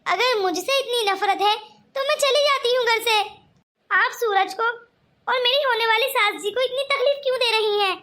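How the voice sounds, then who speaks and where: An earnest young cartoon bride. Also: female voice, extremely high pitch, normal speed, pushed and bright. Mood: pleading. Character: young bride-to-be, polite and determined. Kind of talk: cartoon voice acting.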